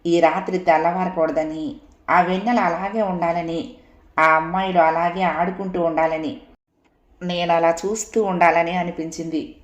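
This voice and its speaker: A woman voicing a dreamy, gently amused young man in a spoken story, recorded in an echoey room. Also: fairly low pitch, fairly even intonation, normal speed, muffled recording, lightly acted.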